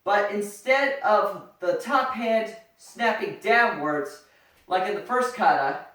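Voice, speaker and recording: A karate instructor teaching step by step, with sharp martial arts commands. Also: medium pitch, slow pace. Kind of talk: step-by-step karate demonstration lesson. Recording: echoey room, far from the mic.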